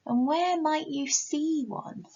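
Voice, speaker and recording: This lo-fi clip features a thirty-something British woman, a primary teacher, whose high voice moves slowly as she talks to and reads for young children. She's expressive and animated, tossing rhetorical questions to her little listeners.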